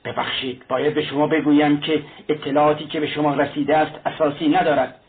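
A man's voice: a little high, flat delivery, slightly rough. A man voicing a pompous, offended middle-aged suitor who speaks in stiff, formal sentences. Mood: indignant. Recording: tinny lo-fi recording, faint hiss.

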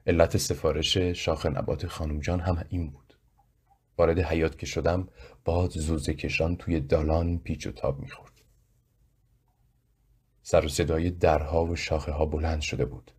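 A man narrating a story in a slow, measured, reflective way, with a husky voice. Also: a bass voice, level tone, darkish tone. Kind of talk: audiobook narration.

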